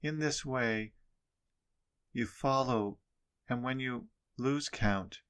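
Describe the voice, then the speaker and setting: A man teaching meditation, giving guided instruction in short, measured phrases with pauses. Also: mid-range voice, fairly bright tone, clean tone.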